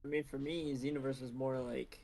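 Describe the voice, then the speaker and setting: A young man co-hosting a gaming podcast, chiming in quietly with short remarks. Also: mid-range voice, little pitch movement, moderate pace. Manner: quiet, brief interjections. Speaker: podcast co-host. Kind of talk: casual gaming podcast chat.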